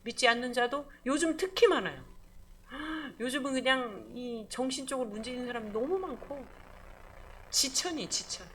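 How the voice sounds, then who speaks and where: A woman pastor preaching a midweek church sermon, lively and conversational, calling out for amens and acting out voices. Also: high voice, moderate pace, a little hiss or hum. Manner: animated preaching, calls for amen, acts out scolding voices.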